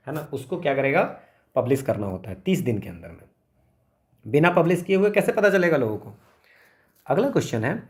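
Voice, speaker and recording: Guy teacher going over exam questions, kinda high voice, keeps asking "right?". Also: a little mellow. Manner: explains step by step, reads questions slowly, asks rhetorical questions; frequent tag questions like "है ना" and "ठीक है". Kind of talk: exam revision lecture.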